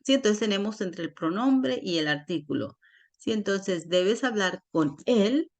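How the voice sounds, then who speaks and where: A woman teaching a grammar lesson online, explaining slowly and patiently and checking in often with her students. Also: medium pitch, expressive, darkish tone. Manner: slow, patient, checks in with frequent "¿sí?". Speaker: Spanish teacher.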